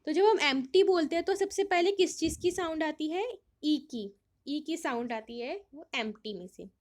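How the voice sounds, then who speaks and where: A woman's voice: high voice, normal speed, a little mellow. A woman teacher explaining a worksheet to young children, reading English lines and then explaining them in Hindi, asking questions and answering them herself.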